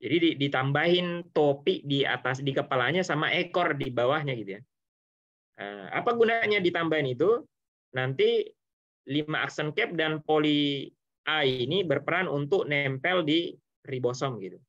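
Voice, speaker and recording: Lively intonation marks this man's highish, somewhat bright voice as he teaches biology online at a normal pace. Relaxed and methodical, he answers his own rhetorical questions, sprinkles in tag words, and fixes his phrasing as he goes; the lo-fi audio sounds a bit dull.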